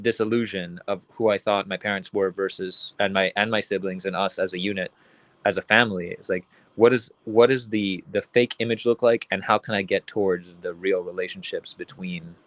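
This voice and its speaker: Young male artist from Venezuela, deep low voice, rambling conversational guest, dry close recording. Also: fairly even intonation, moderate pace, dry recording. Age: young adult. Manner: rambling, many restarts and fillers. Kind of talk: casual interview talk.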